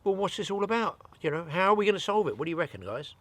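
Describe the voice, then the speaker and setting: A man's voice: sits high, big pitch swings, rapid-fire, a bit bright, no room sound. An older British man hosting an outdoor channel, chatting casually and rambling with a self-mocking humour at a forest cabin. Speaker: channel host.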